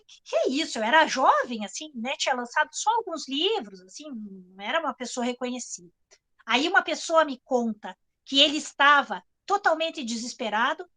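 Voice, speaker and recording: Brazilian woman author, anecdotal storyteller, high and bright, conversational with frequent tag questions. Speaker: writer. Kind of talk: storytelling talk to an audience.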